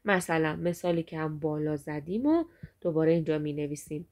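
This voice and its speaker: A woman teaches grammar to her students, speaking to them directly and drawing out each example word slowly so they can repeat it. Her voice sits a little low, with a gravelly, creaky texture. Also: a little mellow. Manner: repeats words slowly and stretched for drill. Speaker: Arabic teacher.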